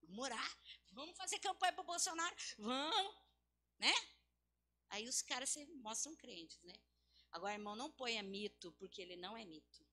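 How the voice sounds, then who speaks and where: A woman from Brazil preaching a sermon in church, impassioned and exhorting, swinging from loud calls to low hushed tones.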